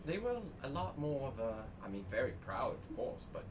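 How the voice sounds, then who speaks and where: A man's voice: medium pitch, sing-song, moderate pace. A man playing a tabletop fantasy game, improvising in-character talk in hesitant, broken phrases. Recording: clear background noise.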